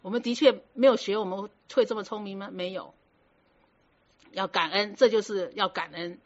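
A woman's voice: mid-range voice, steady tone, moderate pace. A woman giving a Buddhist dharma talk, instructing her students firmly and checking with rhetorical questions as she explains. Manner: conversational, rhetorical questions to the listeners; firm, instructive. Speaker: Buddhist teacher. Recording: muffled lo-fi recording.

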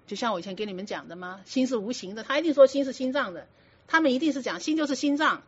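Speaking fast with a fairly high, slightly rough voice and lively intonation, a woman teaches Buddhism in a dharma talk. She firmly instructs her students in a conversational way, testing them with rhetorical questions, on a muffled lo-fi recording.

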